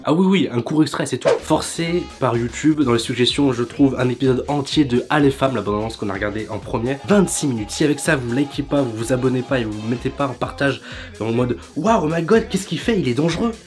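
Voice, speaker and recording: A man's voice: mid-range voice, a little fast. A man giving sarcastic, joking reaction commentary as a YouTuber, over faint music.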